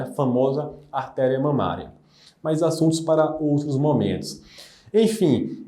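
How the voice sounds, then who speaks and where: A man teaches anatomy in a careful, methodical way, often pausing to check that his listeners follow. His voice sits a little high yet sounds mellow and soft-edged. The room gives it a noticeable echo. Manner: methodical, repeats terms, checks in with "ok?" and "né?". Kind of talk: explanatory lecture.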